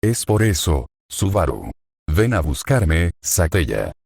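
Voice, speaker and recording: A desperate young hero pleads slowly for help, as a man reads him. His voice is very deep. It is recorded dry and close. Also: big pitch swings, creaky, a little mellow, husky, dry recording, heavily acted. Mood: pleading.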